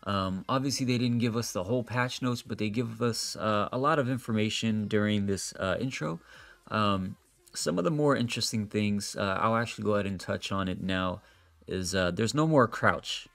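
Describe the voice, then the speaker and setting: Brief: male gaming creator, stuffy nasal voice from a cold, lowish pitch, dry close voice-over. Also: moderate pace, vocal fry, dry recording. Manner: relaxed, chatty explaining. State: sick with a nasal voice. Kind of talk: casual gameplay commentary voice-over. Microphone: voice-over recorded apart from the footage.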